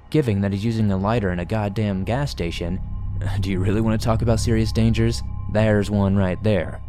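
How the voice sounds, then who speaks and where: A man narrating a scary story for a podcast in a measured, wry way. His voice is a little low and mellow, with faint music underneath. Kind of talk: scripted horror story narration.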